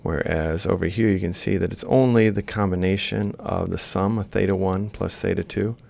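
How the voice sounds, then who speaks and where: During an instructional screen recording, a university lecturer writes and thinks aloud, taking each step in turn and reciting values bit by bit. His low-pitched voice is creaky and a little mellow, with fairly even intonation at normal speed.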